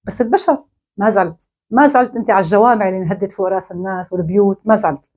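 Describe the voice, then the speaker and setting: A woman's voice: medium pitch, racing, a little mellow. A woman with a Syrian Arabic accent, delivering a mocking, scolding monologue straight to camera. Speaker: online commentator.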